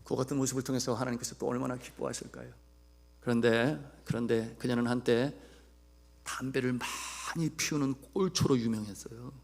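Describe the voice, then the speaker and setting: A male pastor preaching a sermon, telling a story to his congregation and shifting between loud, emphatic calls and hushed narration. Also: mid-range voice, fairly even intonation, a little fast, creaky. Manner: addresses the congregation often.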